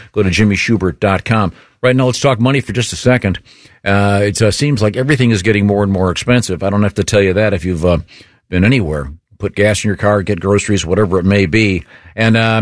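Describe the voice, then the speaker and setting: A man's voice: on the low side, no echo, clean studio sound. A man hosting a radio talk show, chatting casually and reading an ad with many fillers. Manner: relaxed, stammering with fillers. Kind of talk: casual radio chat and host-read ad.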